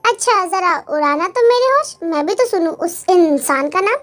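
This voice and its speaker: Woman doing a snobby rich girl, condescending and sneering, very high voice. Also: lively intonation, normal speed, a bit bright, faint music behind. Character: snobbish rude young woman, mocking. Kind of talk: Hindi fan dub acting.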